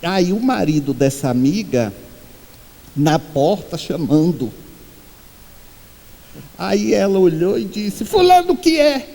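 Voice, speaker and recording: A man giving a spiritual talk to a congregation, telling humorous anecdotes and acting out the quoted voices in a high pitch. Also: expressive, takes it slowly, vocal fry, pauses often, dark tone, in a large hall. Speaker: spiritual speaker. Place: meeting hall.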